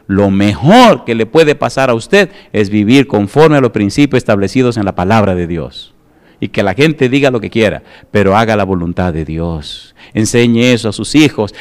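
Middle-aged male pastor, sermon delivery, clear full-bodied voice, insistent rhetorical questioning. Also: lowish voice. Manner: emphatic, keeps asking the congregation rhetorical yes-or-no questions.

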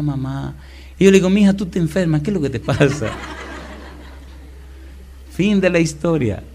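A middle-aged man preaching a sermon, telling stories and calling out questions to the congregation with big swings in loudness. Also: medium pitch. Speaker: pastor. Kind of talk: sermon with storytelling.

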